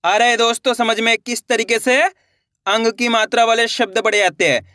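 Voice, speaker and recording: A man's voice: very high-pitched, steady tone, normal speed, pushed and bright. A man teaching an online reading lesson, patiently repeating each word and sounding it out syllable by syllable while encouraging his viewers. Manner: addresses viewers directly and encouragingly.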